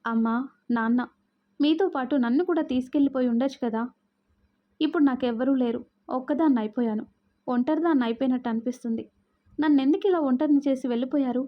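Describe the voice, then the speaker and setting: An orphaned young heroine, earnest and firm, as a woman storyteller puts her on. Her somewhat high voice comes through muffled, lo-fi audio. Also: quick pace, pauses often, lightly acted. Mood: grieving.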